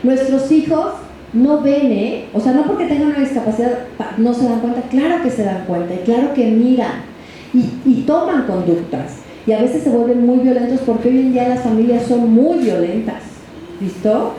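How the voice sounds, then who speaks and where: Speaking to parents in a workshop, a middle-aged Mexican woman keeps things conversational and checks in by closing her phrases with tag questions. Her voice is a little high and dark in tone, at a normal speed. Faint noise and room echo can be heard.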